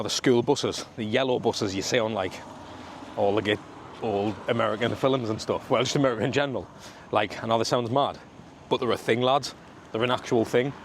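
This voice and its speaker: A man with a Sunderland accent chatting casually as he vlogs outdoors on the street, in a matey way full of regional slang. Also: mid-range voice. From Sunderland, north-east England. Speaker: travel vlogger. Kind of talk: casual walking vlog chat to camera. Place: outdoors on a suburban street in the rain. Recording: outdoor street and traffic noise.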